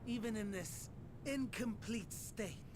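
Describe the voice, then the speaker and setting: A man playing a grandiose, mocking, unhinged villain, delivering a drawn-out theatrical monologue in a video game. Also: sits high, very noisy. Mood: savoring. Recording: loud game music under the voice.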